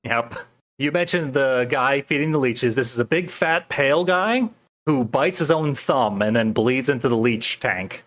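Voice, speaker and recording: Man, podcast co-host, casual film recap, dry wit, steady storytelling. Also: mid-range voice, normal speed. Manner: dry, wry remarks; recaps plot in a steady telling.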